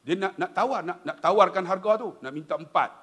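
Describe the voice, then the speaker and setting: A middle-aged man with a Malaysian accent gives a lively religious lecture in a high, expressive voice, joking and turning to his listeners again and again. His voice rings through a large hall with a long reverb trailing after each phrase. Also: fairly quick, husky. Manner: animated, humorous, often addresses the audience directly. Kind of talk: lively religious talk to an audience.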